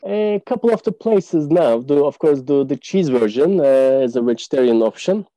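A man, a tour guide, explaining local food in a casual podcast interview, pausing often with "uh". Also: a little high, animated, mellow, no echo, rough recording. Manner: explanatory, many "uh" fillers.

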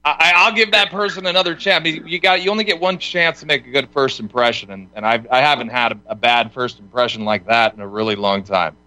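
A man hosts a casual talk show, stumbling over repeated words and cracking jokes. His voice sits mid-range and comes across bright and forceful. The sound is dry and close. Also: medium pitch, no echo, rough recording. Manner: halting, repeats words, joking. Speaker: show host.

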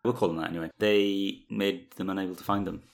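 Dry, teasing man with a deep voice. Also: steady tone, fast, creaky. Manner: wry and teasing, with dry interjections. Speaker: podcast co-host. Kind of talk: casual chat.

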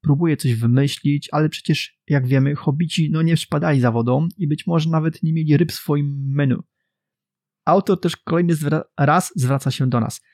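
A man co-hosting a book discussion podcast, talking in a measured, explanatory way. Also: a little high, darkish tone, dry recording, clean studio sound. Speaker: podcast co-host.

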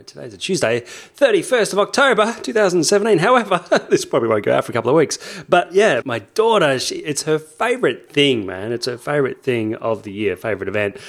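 A middle-aged man co-hosting a podcast in casual chat. His pitch swings in an animated way as he talks, and he laughs often and keeps things chatty. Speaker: podcast co-host.

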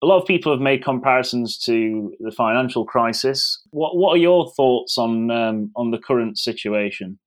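A man's voice: mid-range voice, expressive, moderate pace, hardly any pauses. A man hosting a podcast and putting questions to a guest in a conversational way. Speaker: podcast host, interviewer. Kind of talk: conversational interview.

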